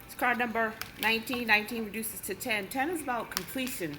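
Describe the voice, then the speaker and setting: A woman's voice: on the high side, brisk, low-quality recording. A woman doing a casual tarot card reading for her channel, chatting through each card's meaning step by step. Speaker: tarot reader. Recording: music playing under the voice. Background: background music.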